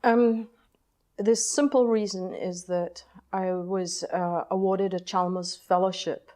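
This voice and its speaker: A woman in her sixties from Trinidad, a novelist recounting personal stories in an interview, pausing often with ums and uhs. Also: medium pitch, fairly even intonation, dark tone. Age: 60s. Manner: hesitant, many ums and uhs, thoughtful. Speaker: novelist, guest. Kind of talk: reflective personal storytelling in interview.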